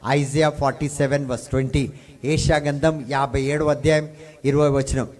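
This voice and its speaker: A man's voice: medium pitch, level tone, normal speed, darkish tone. A man preaching a sermon with call-and-response to his congregation, often climbing into stretched, emphatic phrases on a handheld mic. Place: healing service hall. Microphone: handheld microphone.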